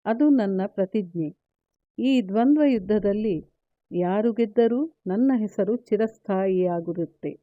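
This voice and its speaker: A woman voicing a grieving, resolute male warrior speaking to his mother, in a measured, solemn read-aloud storytelling manner. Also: medium pitch, no room sound, close to an everyday voice. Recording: tinny phone-like, dry.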